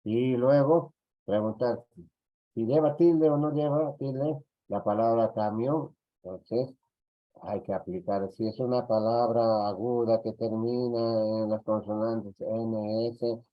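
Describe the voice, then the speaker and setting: A Peruvian man teaching an online class, talking slowly and checking in with short tag questions. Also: mid-range voice, steady tone. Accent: Peruvian Spanish. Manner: slow, repetitive, tag questions. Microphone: computer mic on a video call. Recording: dull lo-fi audio.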